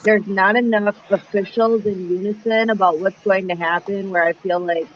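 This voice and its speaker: A woman's voice: medium pitch, fairly even intonation, moderate pace. A woman hosting a live show in casual, informal chat, speaking bluntly. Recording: dull lo-fi sound, faint noise.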